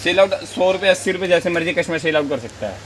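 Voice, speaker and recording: Fast shopkeeper pitching his wares. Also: expressive. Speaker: wholesale bangle shopkeeper. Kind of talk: sales pitch showing goods and quoting prices. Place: small indoor shop lined with shelves. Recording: clear ambient noise of a shop.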